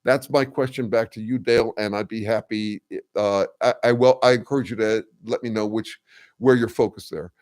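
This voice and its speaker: An older man hosts a casual livestream, answering viewer comments while thinking aloud. His tone is steady and darkish, and he calls his own voice a bass. He comes across as thoughtful and halting, full of ums, uhs and restarts.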